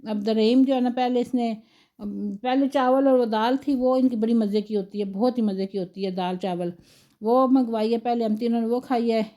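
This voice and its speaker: Brief: middle-aged woman home-cooking vlogger, raised pitch, mellow tone, rambling and chatty. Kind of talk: casual vlog chat over footage.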